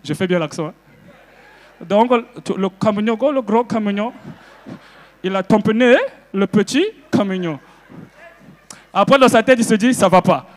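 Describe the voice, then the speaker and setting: A man from Congo doing stand-up comedy on a festival stage, animated and breaking into loud shouted character bits. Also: sits high, a little slow, pauses often, in a large hall. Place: festival stage before a live audience.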